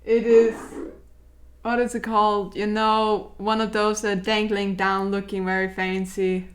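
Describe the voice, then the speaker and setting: A young woman chatting casually over gameplay as a streamer, joking in a playful, deadpan way. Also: medium pitch, unhurried, slight background noise. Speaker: game streamer.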